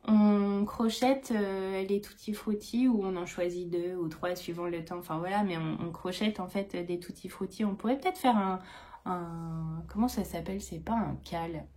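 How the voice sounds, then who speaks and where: A woman's voice: fairly low pitch, moderate pace, mellow. A woman in her thirties chatting casually about her knitting and crochet projects, rambling with many hesitations. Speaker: knitting vlogger. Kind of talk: casual chat.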